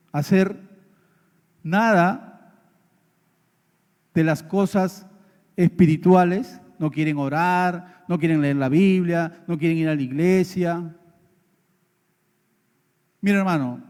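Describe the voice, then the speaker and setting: A man's voice: high-pitched, darkish tone. A man preaching a sermon, telling a story earnestly and speaking straight to the congregation. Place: church hall. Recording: long church reverb.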